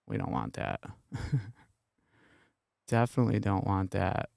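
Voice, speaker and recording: A man's voice: sits low, sing-song, measured pace, vocal fry, a little mellow, no room sound, clean studio sound. A man hosting a stream, making offhand, casual comments as he plays recordings. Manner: offhand, mumbling asides.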